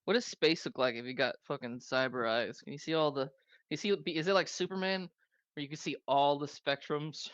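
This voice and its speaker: A man playing a tabletop role-playing game, asking rambling, excitable questions in casual chat. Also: fairly high pitch, a little fast, no echo, muffled recording. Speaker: player.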